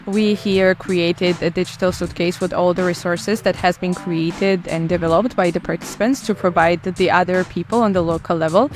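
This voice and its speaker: A woman's voice: fairly low pitch, a little hiss or hum. A woman who organized a youth project, explaining its aims earnestly in an interview. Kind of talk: interview testimonial.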